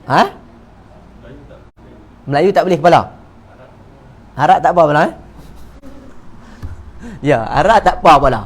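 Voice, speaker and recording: Malaysian man, Malay accent, fairly high voice, lively joking religious talk full of acted-out exchanges. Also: normal speed, pauses often. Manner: lively, joking, acts out little dialogues. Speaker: religious teacher. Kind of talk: evening mosque talk. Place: neighbourhood prayer hall.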